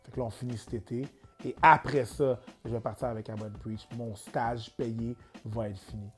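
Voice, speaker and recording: Loud music plays behind a young man of medium pitch speaking at a normal speed with a Québécois French accent. As a comedian guest in an interview, he stays relaxed and slips in English phrases.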